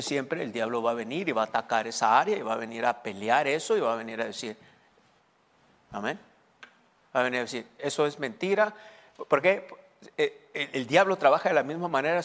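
A man preaching a sermon in a slightly higher voice. He quizzes his congregation and repeats phrases for emphasis. His voice rings with the long reverb of a big church hall. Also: a bit bright. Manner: preaching to a congregation with questions and repetition. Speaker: pastor.

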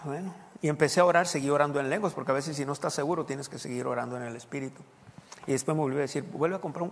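Speaking in a medium pitch with noticeable vocal fry, the pastor shares a sermon drawn from his own story. His tone is conversational and he poses questions to the congregation, with long reverb from the hall.

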